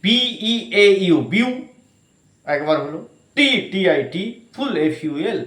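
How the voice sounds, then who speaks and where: A man's voice: high-pitched, big pitch swings, unhurried, fairly bright tone, echoey room. A man teaching an English grammar lesson, breaking words into syllables and spelling them out letter by letter. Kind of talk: explanatory lesson.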